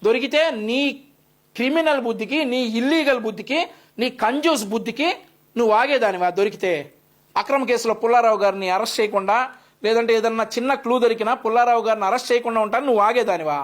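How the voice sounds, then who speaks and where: A man's voice: very high-pitched, quick pace. A male news commentator delivering an opinionated, scolding rebuttal with a sarcastic edge.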